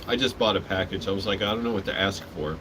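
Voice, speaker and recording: A man's voice: sits low, fast talker. A man rambling casually while eating, talking with his mouth full. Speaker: vlogger. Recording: clearly noisy background hum.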